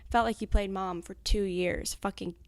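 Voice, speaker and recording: A woman's voice: medium pitch, steady tone, normal speed, a little mellow, dry recording. A woman in her twenties, an anonymous interviewee, speaking bluntly and confessionally, swearing freely, in fragments of a candid interview. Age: 20s.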